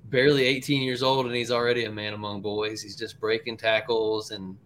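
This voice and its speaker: A man's voice: lowish voice, flat delivery, a little fast, a bit bright. A man on a sports podcast panel giving casual football analysis over some background noise.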